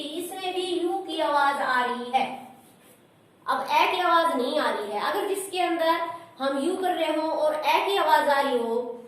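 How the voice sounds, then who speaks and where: A woman's voice: high-pitched, a bit bright, heavy reverb, far from the mic, rough recording. A woman teaching a grammar lesson step by step and asking her students questions as she goes. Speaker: school teacher.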